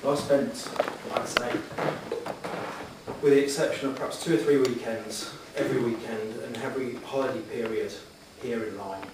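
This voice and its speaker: A middle-aged man speaks earnestly and a little hesitantly, answering formal interview questions. His voice rings around a very echoey hall, picked up from a distance with clear noise behind it. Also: medium pitch, fairly even intonation, moderate pace. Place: echoey meeting room, addressing the room.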